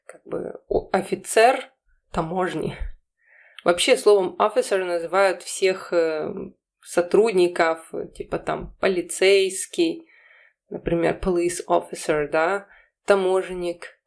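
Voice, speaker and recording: Lower-pitched woman teaching a language lesson. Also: gravelly. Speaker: English teacher, channel host. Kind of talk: informal explanatory language lesson.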